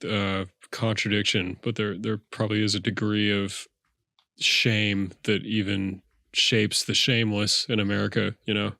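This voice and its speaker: A man on a comedy podcast, speaking haltingly and restarting often. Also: lowish voice, flat delivery, creaky, bright, forceful tone, no room sound, studio quality. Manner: halting, hesitant, stumbles over words. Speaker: podcast co-host.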